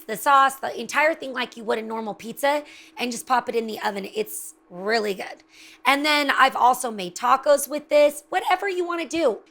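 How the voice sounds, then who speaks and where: A woman's voice: high voice, gravelly, sharp tone. A woman hosting a home cooking show, chatting enthusiastically as she demonstrates a recipe. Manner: chatty and enthusiastic, exclaims over the food.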